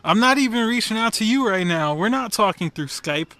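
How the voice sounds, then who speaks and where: A man's voice: sits high, animated, fairly quick, bright, forceful tone. A man chatting casually as a podcast co-host on a remote call. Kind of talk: casual chat. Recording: music bleeding from computer playback.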